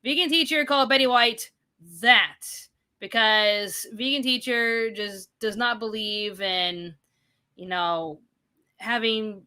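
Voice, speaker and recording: A woman's voice: fairly high pitch, takes it slowly, pushed and bright, clean tone. A woman in her thirties hosting a casual live-stream chat, reading viewer questions and ranting with bursts of exasperated emphasis.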